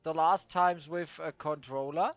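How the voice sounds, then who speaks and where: A man with a Swiss German accent, a native German speaker, hosting casual gameplay commentary and searching for his words in halting English. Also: a little high, fairly even intonation, no room sound. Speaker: host of a racing game video series. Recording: dull lo-fi dry microphone.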